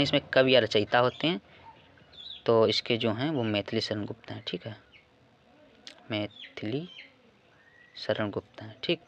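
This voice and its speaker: A male teacher walking students through an exam paper, reading verse lines slowly and repeating key words as he explains. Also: mid-range voice, a bit bright, no echo, lo-fi sound. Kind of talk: exam paper walkthrough lesson.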